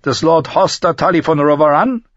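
A man's voice: a little high, no echo, dull audio, pitched above the performer's own voice, lightly acted. A man voicing a composed noblewoman who speaks formally and with resolve in an audiobook. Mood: resolute. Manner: formal, measured.

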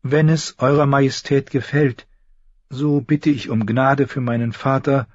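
A man voicing a nervous, earnest young noble girl who speaks softly and pleadingly, in a slightly muffled audiobook recording. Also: medium pitch, fairly even intonation, measured pace, no room sound, voice pushed up, lightly acted. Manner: soft, pleading.

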